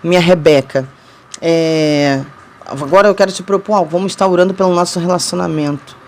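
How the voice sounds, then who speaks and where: A woman's voice: fairly low pitch, fast talker, slight background noise. A woman from Rio de Janeiro in Brazil with a Rio accent, telling her love story to viewers in a casual, chatty way and often laughing between sentences. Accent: Rio de Janeiro Brazilian Portuguese.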